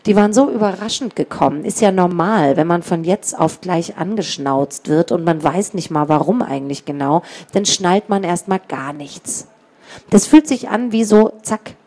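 A woman's voice: fairly low pitch, warm tone. A woman reading a children's story aloud, giving the children and the gang members their own voices. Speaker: audiobook narrator.

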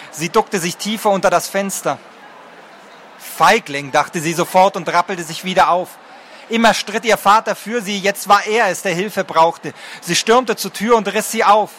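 A man reading a fantasy novel aloud as narrator, in a measured and expressive way. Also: high-pitched, a little hiss or hum. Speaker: audiobook narrator.

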